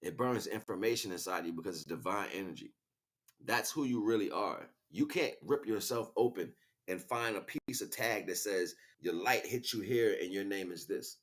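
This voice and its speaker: A spiritual teacher who hosts livestreams improvises a lecture, his low, slightly bright voice moving at a moderate pace. He speaks emphatically, repeats key words, and checks in with rhetorical questions.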